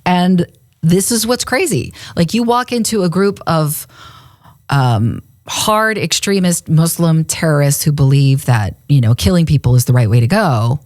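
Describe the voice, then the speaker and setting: Speaking low and unhurried, this radio and podcast co-host has a darkish tone and lively intonation. She laughs often while casually retelling a Bible story on a faith podcast. Her studio microphone captures a dry, clean studio sound.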